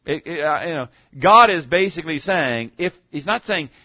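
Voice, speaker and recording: A man's voice: a little high, animated, moderate pace, no echo, dull audio. Man preaching a chatty, questioning sermon. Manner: conversational, frequent "okay?" check-ins and rhetorical questions; stammering restarts. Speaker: pastor.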